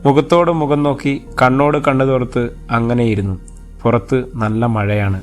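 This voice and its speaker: A man tells a romance story aloud as an audio novel, voicing every character himself. His voice sits at an ordinary middle pitch. Faint instrumental music plays quietly beneath his narration. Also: fairly even intonation, moderate pace. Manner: reads every character's lines in his own voice. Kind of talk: storytelling narration with acted dialogue.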